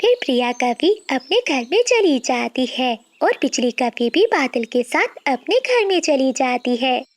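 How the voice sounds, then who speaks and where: Female storyteller, very high and lively voice, scripted cartoon narration. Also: measured pace, few pauses, dry recording.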